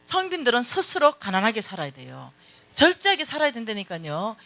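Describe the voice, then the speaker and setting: A middle-aged woman lectures a church audience. Her voice is bright and her pitch swings widely. She speaks bluntly and tells stories full of acted-out dialogue. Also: huge pitch swings, brisk. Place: church hall.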